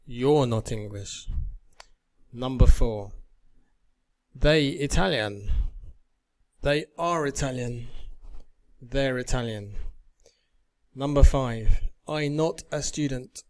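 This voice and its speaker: A man teaching a beginner English lesson, reading example sentences and verb forms in a careful, measured way. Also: medium pitch.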